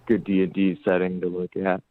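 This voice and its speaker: A man's voice: sits low, monotone, fairly quick, a crowd in the background. A male caller talking over the phone in a rambling way, full of fillers. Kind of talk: casual call-in chat. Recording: tinny dry phone line.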